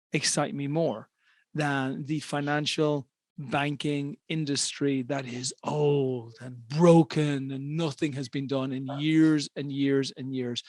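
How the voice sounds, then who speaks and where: A man's voice: medium pitch, dry recording, studio quality. A man hosting a podcast interview, enthusiastic and emphatic, repeating words for stress. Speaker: podcast host and investor.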